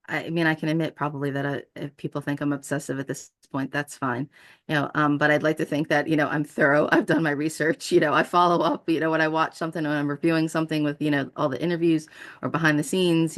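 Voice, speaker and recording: A woman's voice: sits low, steady tone, quick pace. A woman hosting a casual film podcast, rambling, laughing often and acting out her reactions. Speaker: podcast host.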